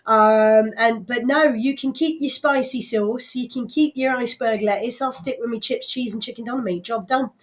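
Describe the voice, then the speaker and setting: A woman's voice: fairly high pitch, fairly even intonation, moderate pace, few pauses. A woman hosting a live local radio show with a West Country English accent, chatting casually and rambling with frequent laughs and fillers. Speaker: radio host.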